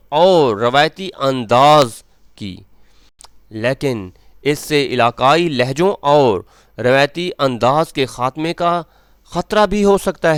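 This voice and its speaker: A male English teacher translating a school text phrase by phrase, repeating each word slowly with its meaning. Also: on the high side, clear, resonant tone, no echo.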